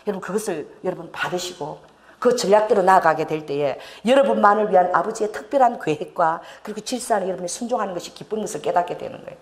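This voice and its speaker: A woman pastor with a Gyeongsang Korean accent, preaching an animated sermon to her congregation and prompting them to respond. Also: on the low side.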